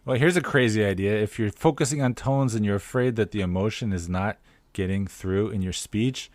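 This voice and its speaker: A man co-hosting a language-learning podcast who explains ideas clearly, like a teacher, with dry humor. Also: on the low side, moderate pace, no room sound. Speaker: podcast co-host. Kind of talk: casual chat.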